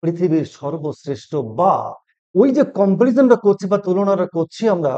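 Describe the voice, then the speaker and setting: A man's voice: sits high, animated, moderate pace, dark tone. A man teaching a grammar lesson, explaining step by step and answering his own questions. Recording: dull, muffled lo-fi sound.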